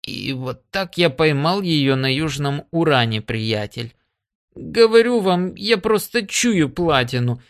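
A man voicing a drunk, boastful Earth prospector bragging loudly in a barroom audiobook scene. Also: a little high, animated, slow, dry recording, clean studio sound.

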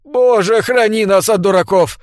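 A man voicing a shrill panicked Englishman. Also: moderate pace, no room sound, clean studio sound, lightly acted. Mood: frantic panic. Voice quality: hoarse, shrill. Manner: frantic, cursing. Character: panicked hunted Englishman, shrill, near hysteria. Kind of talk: audiobook character voice.

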